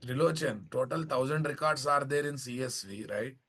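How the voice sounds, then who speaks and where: A man's voice: medium pitch, moderate pace, fairly bright tone, slight background noise. A man with a Telugu Indian accent teaching a live technical class as an instructor, bluntly, repeating phrases and asking rhetorical questions. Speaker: programming instructor.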